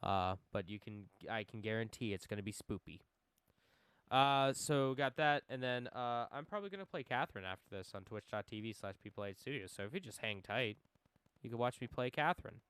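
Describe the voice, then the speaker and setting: A man's voice: medium pitch, animated, fairly quick, a bit bright, smooth, dry recording. A man co-hosting a casual gaming podcast, joking around and plugging his channels. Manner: joking, reads game blurbs aloud. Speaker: podcast co-host.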